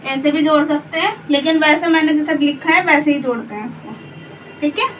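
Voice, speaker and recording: A woman teaching Urdu letters goes slowly and step by step, repeating patiently and asking simple rhetorical checks along the way. She has a high, fairly bright voice and speaks fairly quickly. A far-off mic gives a dull lo-fi sound with faint room noise.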